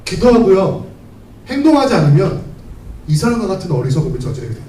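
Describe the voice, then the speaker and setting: A man's voice: high voice, sing-song, quick pace, warm tone. A male pastor preaching to a youth group, telling a story and asking many rhetorical questions in a conversational way. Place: church hall. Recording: roomy hall, mic from a distance.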